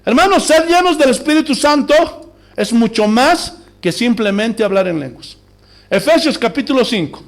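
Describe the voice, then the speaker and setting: A man's voice: extremely high pitch, animated, normal speed. A male pastor preaching a sermon in a church, asking the congregation rhetorical questions. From Bolivia.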